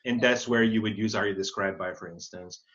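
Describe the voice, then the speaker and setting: A man with a lowish, brisk, slightly bright voice answers questions as an accessibility expert in a casual webinar, thinking out loud and rewording his points. The audio is muffled and band-limited.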